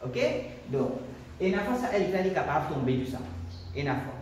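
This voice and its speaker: Man, Mauritian accent, teacher, slow careful drilling, bit high, very echoey classroom, faint hum. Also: lively intonation, far from the mic. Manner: drills words slowly and repeats them. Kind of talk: classroom lesson.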